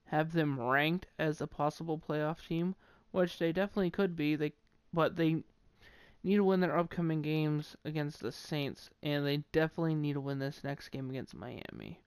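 A man with a New England accent talks through his football picks in a loose, opinionated ramble and often stumbles and restarts mid-sentence. His voice sits a bit high and sounds smooth and clear. It is recorded close and dry, with no room sound. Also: no echo. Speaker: sports commentator ranking football teams. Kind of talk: casual solo sports commentary.

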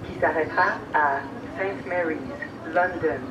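A woman making a formal boarding announcement over a train station loudspeaker, in a measured announcer's manner. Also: on the low side, background noise. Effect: heard over a station PA loudspeaker. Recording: distant PA captured from far off, crowd around.

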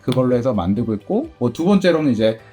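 Middle-aged man, shop owner, chatty interview, dark husky voice, lively pitch. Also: fast, faint music behind. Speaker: game store owner. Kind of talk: casual interview answers.

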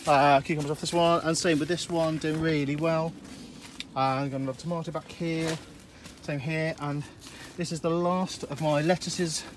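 Slight hiss or hum sits under a man's somewhat high voice. He's an allotment gardener showing off his plot and polytunnel outdoors in a loose, easygoing way, full of uhs, recorded on a handheld phone as he walks.

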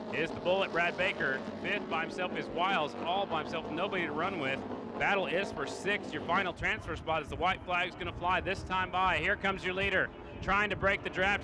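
A man commentates live on a motorcycle race with an excited, high-pitched voice. His calls are short and punchy. Loud engine and outdoor noise surrounds him. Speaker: race track announcer. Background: motorcycle race track ambience.

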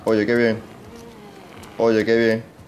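A young man giving casual gameplay commentary, excitable, swearing often and talking to himself. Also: lowish voice, takes it slowly, a little hiss or hum. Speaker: gaming channel host.

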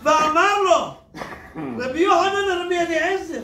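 A man who is a rabbi, giving an animated Torah sermon to an audience and breaking into emphatic shouts. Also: extremely high pitch. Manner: animated, addresses listeners as "my teachers and rabbis", bursts into emphatic shouts. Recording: echoey room, distant mic, faint noise.

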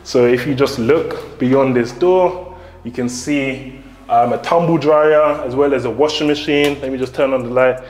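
A man's voice: medium pitch, fairly even intonation, moderate pace, a little mellow, echoey room. Upbeat young man on a house tour. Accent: London English. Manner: upbeat, enthusiastic, addresses viewers directly. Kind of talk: walk-through property tour. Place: empty newly built house, indoor rooms and garden.

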